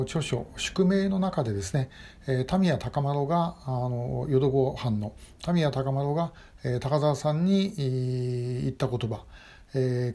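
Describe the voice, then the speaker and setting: Middle-aged man, mellow tone, unhurried commentary full of "um"s. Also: medium pitch. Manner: measured, with frequent hesitation fillers. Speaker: host of a short message broadcast. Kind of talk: casual spoken commentary. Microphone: phone or webcam video selfie.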